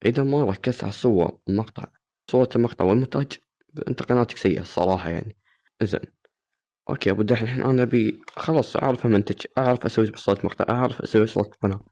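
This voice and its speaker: A man's voice: on the low side, rapid-fire, mellow, dull audio. A man, hosting a casual, joking tutorial and teasing his viewers. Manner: teasing, playfully insulting. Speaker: gaming channel host.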